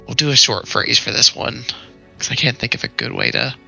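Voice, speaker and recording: A man running a tabletop game as game master, talking haltingly with many restarts. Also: mid-range voice, vocal fry, sharp tone, soft background music. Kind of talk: narrating a tabletop game over voice chat.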